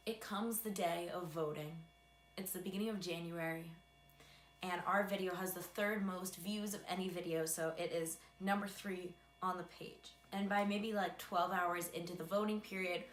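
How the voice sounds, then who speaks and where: A young adult American woman telling a casual personal story in a chatty, self-deprecating way with dry asides. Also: fairly low pitch. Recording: echoey room with faint background hum.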